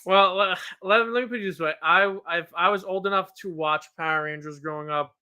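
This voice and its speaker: Bright-voiced rambling man in his thirties. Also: sits high, fairly quick, clean tone. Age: 30s. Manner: rambling, self-deprecating, with frequent restarts and laughs. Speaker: podcast co-host. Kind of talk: casual chat.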